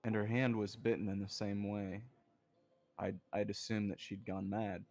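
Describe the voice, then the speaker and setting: A man playing a tabletop game in character, speaking in a measured way. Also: lowish voice, little pitch movement, darkish tone. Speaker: player.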